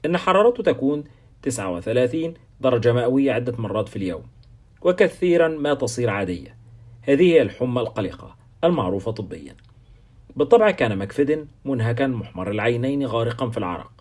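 A man narrating a novel at a fast clip with a husky voice. He reads in a steady, scripted storytelling manner. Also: medium pitch. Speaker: audiobook narrator.

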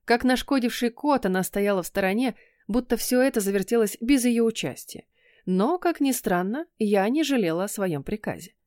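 A woman narrating an audiobook in first person, with expressive storytelling. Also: a little high, normal speed, dry recording, clean studio sound.

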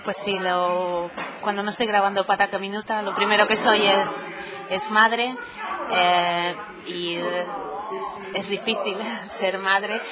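A middle-aged woman from Catalonia, answering interview questions casually, with many pauses and fillers. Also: mid-range voice, level tone, over a noisy crowd. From Catalonia, Spain. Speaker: podcaster, guest.

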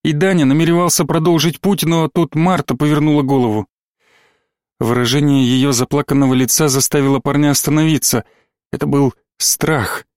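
A man's voice: a little high, fairly even intonation, moderate pace, a little mellow, no echo. Man narrating a story, dry close sound. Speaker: audiobook narrator. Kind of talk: scripted narration.

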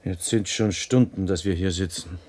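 A man's voice: sits low, fairly even intonation, moderate pace, darkish tone, a little hiss or hum, natural voice. A man playing a dour, grumbling village man in a radio play.

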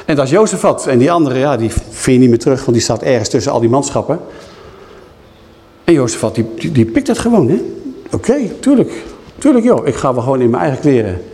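A man's voice: medium pitch, quick pace, mellow. Conversational preacher man in reverberant hall. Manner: conversational, frequent tag questions. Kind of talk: sermon.

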